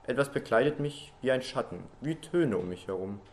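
Man narrating a sad story slowly. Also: medium pitch, expressive, a little hiss or hum. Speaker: story reader. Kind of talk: emotional first-person story narration.

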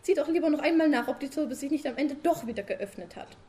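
A woman voicing a fussy, nagging female beetle wife in a read-aloud story, high, insistent and preachy. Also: expressive, fast talker, mellow, a little hiss or hum.

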